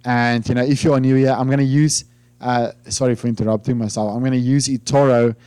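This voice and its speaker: A finance YouTuber from South Africa, originally an Afrikaans speaker with a South African accent, talks briskly to camera in a clear, resonant, dark voice of medium pitch with little pitch movement and no room sound. The chat is informal, rambling and hesitant, with many fillers and restarts.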